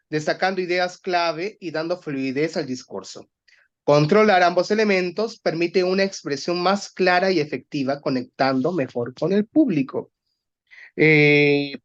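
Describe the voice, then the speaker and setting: Male voice coach, high-pitched, patient explainer, muffled lo-fi recording. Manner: explanatory, demonstrates exercises aloud. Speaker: voice workshop instructor for teachers. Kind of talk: online workshop teaching.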